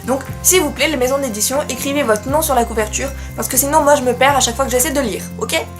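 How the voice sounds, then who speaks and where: A woman's voice: high-pitched, quick pace. Chatty young woman, faint music behind. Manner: chatty, self-mocking, fillers. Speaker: book vlogger. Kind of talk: casual chat to camera.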